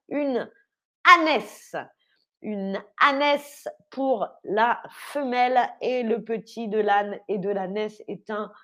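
Upbeat woman teaching at a slow pace. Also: fairly high pitch, fairly bright tone. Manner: slow, clear, spells words out letter by letter; upbeat, encouraging, quizzes viewers. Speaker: French teacher hosting a livestream. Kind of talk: live online vocabulary lesson.

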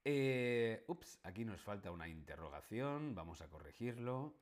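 A man, teaching a live online language lesson and slowly repeating phrases for learners. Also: on the low side, sing-song. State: sore throat, coughing.

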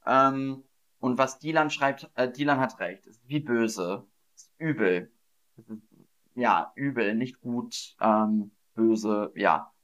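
A man hosts a German vocabulary quiz on a live stream, speaking in a middle-pitched voice at a very slow pace. He repeats words patiently and cheers his viewers on. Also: a bit bright. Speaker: German teacher streaming to learners. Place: streaming setup at home.

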